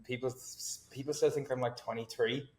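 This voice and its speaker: A fitness coach in his 20s chats casually as a podcast guest, rambling, mocking himself and laughing often. His mid-range voice is steady in tone and moderate in pace, recorded in a roomy, echoey room.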